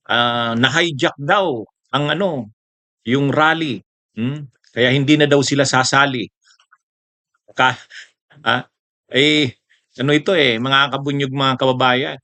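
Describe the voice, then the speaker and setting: A man's voice: a little high, bright, forceful tone, no echo. A man giving casual political commentary, mocking and chuckling, often asking rhetorical questions.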